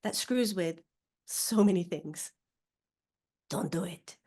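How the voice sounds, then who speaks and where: Animated woman explaining psychic ideas. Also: fairly low pitch, slow pace. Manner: animated, acts out quoted voices. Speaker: psychic medium guest. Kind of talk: casual podcast chat.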